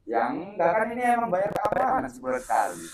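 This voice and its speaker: A man's voice: sits high, big pitch swings, fairly quick, a crowd in the background. A man playing a pushy, stubborn street thug. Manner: insistent, pushy, repeats his demands. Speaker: actor in a skit. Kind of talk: amateur skit acting.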